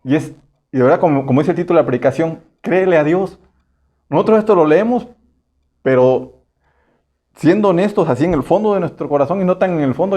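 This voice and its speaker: Chatty Mexican pastor, a bit high. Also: male voice, darkish tone. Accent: Mexican Spanish. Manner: conversational, asks the congregation frequent rhetorical questions; acts out short voices for humor. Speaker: preacher. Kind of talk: sermon.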